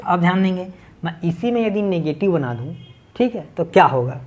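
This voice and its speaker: A man's voice: high voice, lively intonation, normal speed, darkish tone. A man from Chhattisgarh teaching English grammar in Hindi with a local accent, explaining step by step and often checking in with his class. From Chhattisgarh, India. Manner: step-by-step, keeps checking in with "ठीक है". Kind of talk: classroom grammar lesson at a board.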